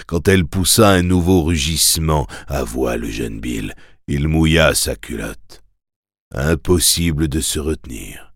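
A man narrating a story in the first person in a measured, grave way, for an audiobook. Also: a bass voice, slightly rough, no room sound, clean studio sound.

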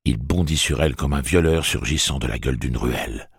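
A man reading a dark fantasy audiobook in an expressive storytelling manner. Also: extremely low pitch, a little fast, gravelly, breathy edge, dry recording, clean studio sound. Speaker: audiobook narrator. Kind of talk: dramatic audiobook narration.

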